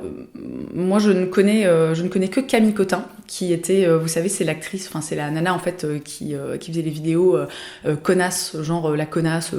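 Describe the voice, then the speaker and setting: A woman's voice: fairly low pitch, mellow, roomy sound. A young woman chatting casually about books and shows she recommends, with lots of hesitations and fillers. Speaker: lifestyle vlogger.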